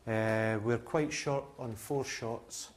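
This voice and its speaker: On a tour of his distillery's still house and cask warehouse, the owner, a man in his thirties, speaks in a medium-pitched, steady voice and takes his time. His explanations are plain and matter-of-fact, with many "uh"s along the way.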